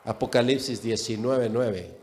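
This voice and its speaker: A man's voice: mid-range voice, unhurried, a little mellow, in a large hall. A man preaching a sermon with emphasis, repeating phrases and speaking straight to the congregation.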